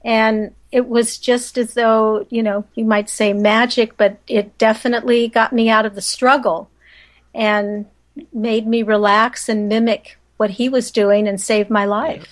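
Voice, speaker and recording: A woman's voice: on the high side, little pitch movement, measured pace. A woman from the United States, a guest on a radio interview, talking in an earnest, reflective way. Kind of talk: casual interview.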